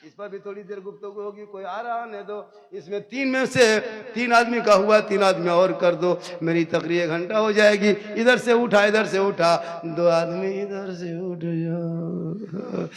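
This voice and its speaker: A high-pitched man in his fifties with a Jharkhand regional Hindi accent, preaching at a religious gathering. He swings from loud declaiming to sing-song chanting, then drops into playful joking asides to the crowd. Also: steady tone, measured pace. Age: 50s. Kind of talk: humorous sermon at a religious gathering.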